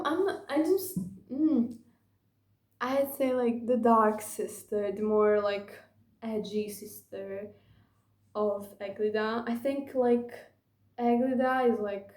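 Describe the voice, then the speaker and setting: Her voice sits in the middle range with a darkish tone as this young woman rambles and gushes to camera, using lots of fillers. The casual confessional vlog was recorded in a room with echo.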